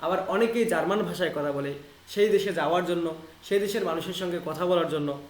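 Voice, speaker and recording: A man's voice: high voice, roomy sound. A man from Bangladesh teaching an online linguistics lesson, explaining English terms in Bengali and repeating key phrases. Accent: Bangladeshi Bengali, Rangpur. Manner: reads English text slowly and deliberately. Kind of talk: online lecture.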